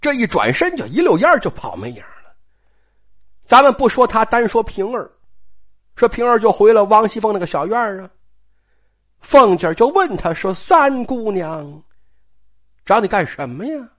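A storyteller telling a classic tale in a chatty, lively way. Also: mid-range voice, moderate pace, pauses often. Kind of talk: traditional storytelling.

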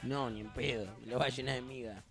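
A man's voice: mid-range voice, fairly even intonation, fast, a bit bright, soft background music. A man hosting a podcast, bantering and teasing his co-host in mock outrage. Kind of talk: casual joking chat. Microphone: studio podcast microphone.

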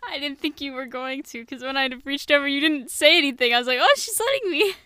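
A young woman co-hosting a podcast in casual chat, pleading and giggly in quick back-and-forth. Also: sits high, steady tone, bright, forceful tone, dry recording, clean studio sound. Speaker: podcast co-host.

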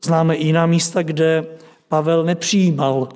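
High-voiced preacher in an echoing hall. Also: male voice, steady tone, darkish tone. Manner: reads scripture aloud with rising emphasis; asks the listeners questions. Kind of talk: Bible study sermon. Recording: long hall reverb.

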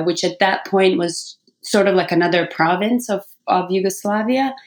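A woman, telling her personal story informally as an interview guest. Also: on the low side. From Bosnia, born in Sarajevo. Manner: informal, peppers speech with "like". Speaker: podcast guest, yoga teacher.

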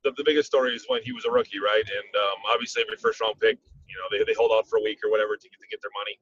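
A man, a former football player and coach, telling stories in a casual interview, often pausing on "um" and checking in with "right?". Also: lowish voice, distant mic, lo-fi sound. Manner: animated storyteller, frequent "um" and "right?".

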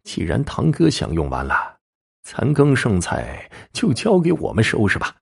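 A man's voice: lowish voice, wildly swooping pitch, a little slow, gravelly, slightly rough, exaggerated voice. A man voicing a sly, leering young male thug who snickers and goads in a Chinese storytelling recording. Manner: sneering, snickering, goading.

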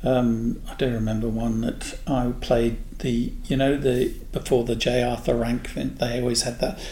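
Gravelly older man reminiscing. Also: medium pitch, flat delivery, mellow. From England. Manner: unhurried, anecdotal storyteller. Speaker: interview guest. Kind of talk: reminiscing in a casual interview. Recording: echoey room with faint noise.

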